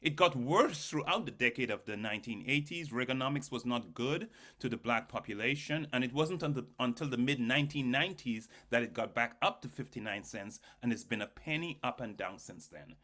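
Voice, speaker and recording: A man's voice: medium pitch, expressive, fairly quick, hardly any pauses, pushed and bright. A man giving a keynote lecture to an audience, explaining data emphatically and putting rhetorical questions to his listeners. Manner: addresses listeners directly, emphatic, poses and answers rhetorical questions. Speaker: keynote speaker, academic.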